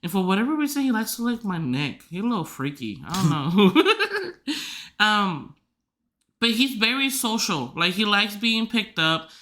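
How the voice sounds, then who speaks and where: Bright-voiced chatty woman podcaster. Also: mid-range voice, big pitch swings, moderate pace. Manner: rambling, filler-heavy, giggly asides. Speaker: podcast host. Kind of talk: casual chat.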